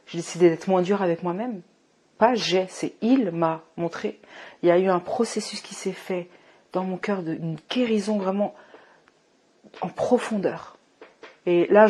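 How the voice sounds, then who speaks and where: Husky-voiced woman giving an emotional testimony. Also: medium pitch. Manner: emotional, restarts often, shifts from hushed to fervent. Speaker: testimony speaker. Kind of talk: personal faith testimony.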